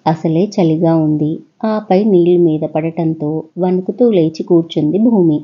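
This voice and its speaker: A woman narrates a children's story with a Telugu accent, in a steady, even manner. Her voice is husky and slightly breathy. The recording is a bit dull and lo-fi. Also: low voice, moderate pace.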